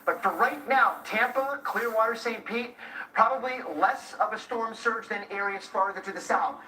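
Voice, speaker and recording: A man explains a live forecast on television in a deliberate, emphatic way. His voice is bright and sharp, heard somewhat far from the mic in a roomy sound with faint noise. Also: high-pitched, fairly even intonation. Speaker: TV weather expert in the studio.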